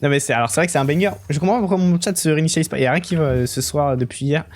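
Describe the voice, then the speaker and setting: A young man chatting casually with his viewers while he plays a game, swearing easily and breaking into excited outbursts. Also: a little high, racing, faint music behind. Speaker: streamer. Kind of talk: casual live-stream commentary while gaming.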